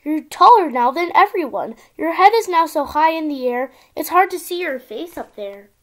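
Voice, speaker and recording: A girl of about ten with an expressive, sing-song delivery, reading a storybook aloud as if to small children. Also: high-pitched, normal speed. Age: child, around ten. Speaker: young video channel host reading a picture book. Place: small indoor room at home.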